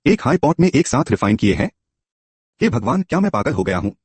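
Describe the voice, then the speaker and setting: A man tells a story aloud in a scripted, storybook manner, reading the characters' lines himself. His voice is husky and breathy, and his pitch moves a lot. The recording is dry and close, with no room sound. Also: sing-song, a little fast, a little mellow, dry recording. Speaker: narrator.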